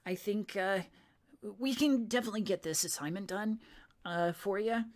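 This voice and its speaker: A woman's voice: medium pitch, normal speed, close to an everyday voice. A timid, nerdy male student acted by a woman for a tabletop role-play. He is hesitant and deferential, stammering as he tries hard to please. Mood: eager to please.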